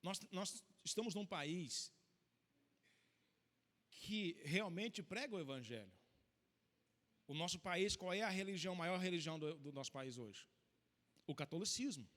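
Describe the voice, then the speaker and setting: A man's voice: on the high side, very animated. A Brazilian pastor preaching a sermon, telling his own story with emotional, emphatic swings in volume. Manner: emotional storytelling preacher, rising to loud, slow emphatic lines. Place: church hall. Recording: long church-hall reverb.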